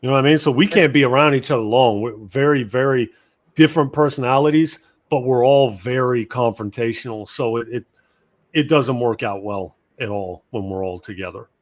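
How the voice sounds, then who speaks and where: A man's voice: mid-range voice, brisk. A man in his forties chatting casually on a podcast, telling rambling stories in a laid-back way. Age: 40s. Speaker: podcast guest. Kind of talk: casual chat.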